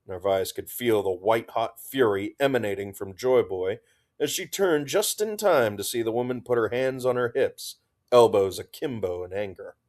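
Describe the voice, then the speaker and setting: A man reading a military fantasy story aloud in a steady narrating voice. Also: on the low side, normal speed.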